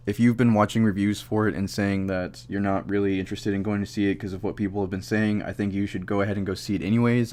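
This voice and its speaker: Drunk young man, rambling, on the low side. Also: a little mellow. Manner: rambling, halting, swears freely, losing his train of thought. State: drunk, tipsy. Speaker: amateur film reviewer. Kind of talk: casual rambling movie review.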